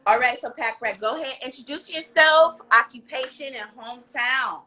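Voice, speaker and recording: Bright, high-voiced American woman host. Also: normal speed. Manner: slangy, effusive hype. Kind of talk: casual live interview chat.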